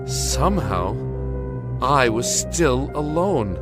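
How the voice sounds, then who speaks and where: Over loud music, a man narrates as a desperate prisoner in an audio drama, earnest and emotive with a brooding, haunted mood. His medium-pitched voice swings widely in pitch, and he speaks slowly.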